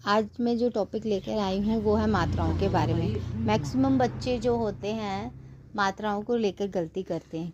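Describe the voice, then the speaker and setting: A woman teaching a phonics lesson to a child, patient and coaxing, sounding words out slowly. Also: medium pitch, darkish tone, dull audio.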